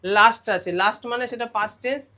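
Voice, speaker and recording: A man's voice: high-pitched, fairly even intonation, fast talker, bright, forceful tone. Bengali man teaching grammar step by step. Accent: West Bengal Bengali. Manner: explains step by step with frequent check-in questions. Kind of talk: exam revision lesson.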